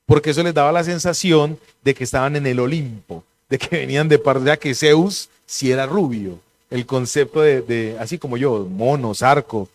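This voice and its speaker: A man's voice: mid-range voice, normal speed. A middle-aged man preaching a sermon, talking conversationally and asking his listeners questions. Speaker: pastor.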